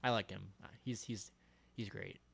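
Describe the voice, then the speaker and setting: A young man co-hosting a casual podcast chat, talking haltingly and searching for his words. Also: lowish voice, steady tone, gravelly, a bit bright, slightly rough. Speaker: podcast co-host.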